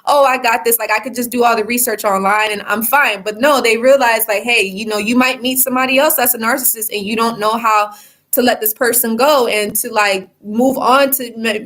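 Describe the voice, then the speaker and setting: High-voiced woman coach rambling casually. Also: fairly bright tone. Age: 30s. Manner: rambling, many fillers like "you know" and "like". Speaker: life coach. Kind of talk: casual livestream talk to viewers.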